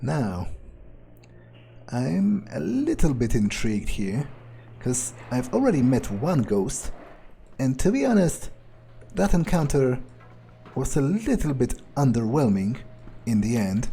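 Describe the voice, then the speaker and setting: A gamer doing an in-character playthrough improvises commentary, musing aloud in a nonchalant, hesitant way. His medium-pitched voice is gravelly and mellow, sing-song and slow, with soft background music playing.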